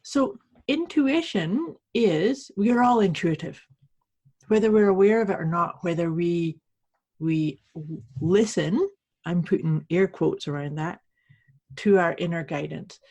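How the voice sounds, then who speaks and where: A woman from Canada speaking as a podcast host and coach, teaching conversationally in a polite, measured, explanatory way. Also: fairly low pitch, warm tone, slightly rough.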